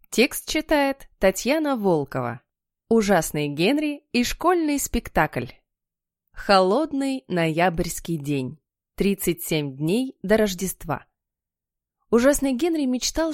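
A woman reading a children's audiobook in an animated manner, voicing each character. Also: mid-range voice, no room sound, studio quality. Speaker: audiobook reader. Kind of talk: expressive audiobook narration.

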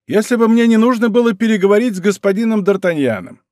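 A man's voice: sits high, animated, fast talker, darkish tone, dry recording, clean studio sound, pitched above the performer's own voice. A man voicing a sly, timid, middle-aged fortress commandant who complains in a plaintive, wheedling way.

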